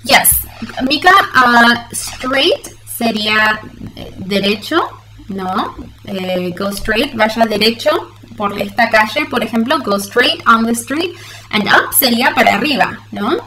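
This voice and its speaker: Slow, patient woman teaching English. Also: on the high side, expressive, sharp tone, slight background noise. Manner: slow, repeats words for learners to echo. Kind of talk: bilingual online English workshop. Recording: roomy echo.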